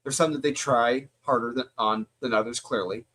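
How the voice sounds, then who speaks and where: A man's voice: medium pitch, fairly even intonation, normal speed, a bit bright. A man co-hosting a casual comic review chat, heated and ranting, swearing freely.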